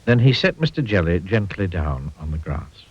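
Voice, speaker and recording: A man reading a children's storybook aloud in an expressive, playful way. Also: sits low, normal speed, slightly rough. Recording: dull lo-fi audio.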